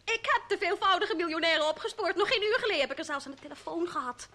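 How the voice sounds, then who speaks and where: A woman's voice: extremely high pitch, lively intonation, quick pace, sharp tone, exaggerated voice. An actress playing a spirited young woman in love with a baron, bubbly and teasing, in an old radio comedy. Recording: old radio play with noisy background.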